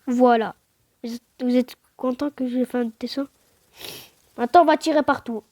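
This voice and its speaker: Une joueuse au timbre assez haut fait un commentaire de jeu décontracté. Elle trébuche sur ses mots et les répète, puis s'exclame avec vivacité. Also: female voice, a little high, normal speed. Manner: stammers, restarts words; excitable outbursts, slangy. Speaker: gaming channel host. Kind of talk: casual gameplay commentary.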